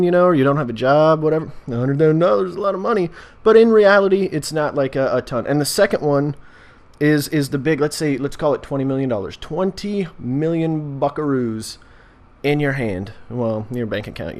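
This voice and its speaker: A man's voice: a little high, darkish tone. A man with an American accent chatting casually as a video host, rambling in a jokey way and often interrupting himself. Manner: jokey, meandering, self-interrupting. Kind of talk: casual rambling vlog chat.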